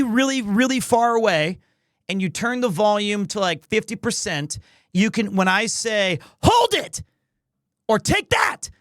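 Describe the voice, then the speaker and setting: Rambling and playful, a male livestream host who also does amateur voice acting chats casually with his stream viewers. He has a high-pitched, slightly bright voice, captured with clean studio sound and no echo.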